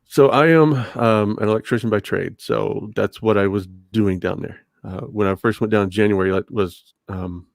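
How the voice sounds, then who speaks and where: A man's voice: fairly low pitch, normal speed, creaky, few pauses, dry recording. A middle-aged man answering casually as a podcast guest, close on a desktop condenser mic. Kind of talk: casual interview storytelling. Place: home room with bookshelf, indoors. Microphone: desktop condenser mic with pop filter, close up.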